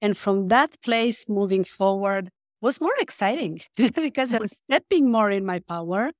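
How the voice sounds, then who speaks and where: Here the Romanian-accented life coach sounds animated, with a medium pitch and moderate pace, as she speaks earnestly on a podcast. It's casual interview talk, and she keeps searching for words. The recording is studio quality with no room sound.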